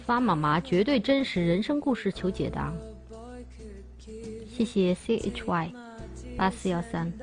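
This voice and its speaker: A playful woman hosting a livestream. She teases her viewers and reads out their messages, and her pitch swings widely from high to low. Soft music plays faintly behind her. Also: animated, measured pace, pauses often. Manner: playful and teasing, stammers and restarts. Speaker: livestream host. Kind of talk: casual chat with viewers.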